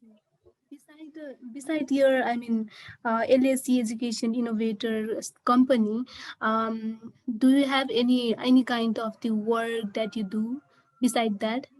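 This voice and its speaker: A woman's voice: a little high, steady tone, normal speed, darkish tone, no echo, poor audio. A woman hosting an interview podcast, asking questions hesitantly with frequent fillers. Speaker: podcast host.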